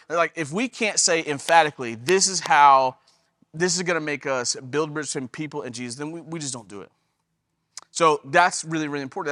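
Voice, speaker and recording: A man's voice: a little high, bright, forceful tone, no room sound, studio quality. A man in his thirties preaching a casual, chatty sermon as pastor, with many fillers and restarts. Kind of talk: conversational sermon.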